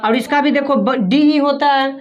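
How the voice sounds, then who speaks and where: A woman with a high voice teaches a class. She keeps asking her students questions and echoing their answers back to them. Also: moderate pace, highs cut off. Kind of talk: classroom grammar lesson.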